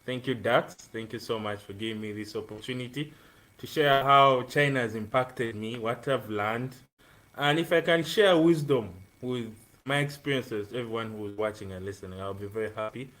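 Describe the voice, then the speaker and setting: Speaking at a moderate pace, this man in his twenties has a mid-range, somewhat bright voice and fairly level intonation. He's a student from Uganda, a guest on a live-streamed video call, sincerely describing his life in a casual interview and saying um a lot.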